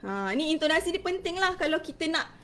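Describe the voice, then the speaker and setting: A woman's voice: very high-pitched, sing-song, quick pace, a bit bright. A woman teacher with a Malaysian accent, giving a casual live-stream lesson, chatty and peppering her talk with little interjections as she greets viewers.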